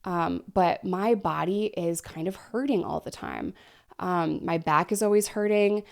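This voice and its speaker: A woman in her thirties talking frankly and chattily in a personal vlog, often pausing for deep breaths because she is short of breath. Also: vocal fry. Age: 30s. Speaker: vlogger. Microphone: desk microphone.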